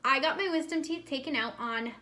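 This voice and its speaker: A woman's voice: high-pitched, a little fast, pushed and bright. A young American woman chatting casually to camera as a vlog host, giving advice with emphatic repetition, her speech slightly impeded by a swollen mouth. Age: young adult. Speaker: host of a pregnancy-prep vlog.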